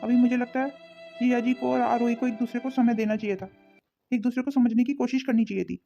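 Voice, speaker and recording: A woman voicing a calm adult son in a cartoon, gentle and reasoning. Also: fairly high pitch, quick pace, gravelly, dull audio, faint music behind. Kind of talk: cartoon voice acting.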